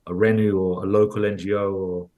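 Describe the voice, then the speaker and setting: Guesting on a podcast, a Londoner with a London accent speaks in a very low, warm voice with little pitch movement and a fairly quick pace. He rambles through casual conversation, circling back and restarting sentences, sprinkling in "like" and "you know." The audio has its highs cut off.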